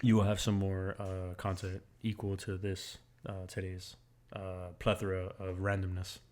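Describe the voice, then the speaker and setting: A man's voice: low voice, monotone, unhurried, a little mellow. A man hosting a casual home podcast, joking and teasing in a crude, offhand way. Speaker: podcast host. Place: home in Miami.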